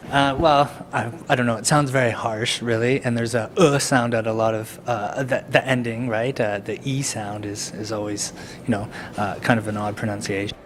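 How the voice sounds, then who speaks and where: A man's voice: mid-range voice, steady tone, normal speed, few pauses, a little hiss or hum. A man giving casual answers in a street interview.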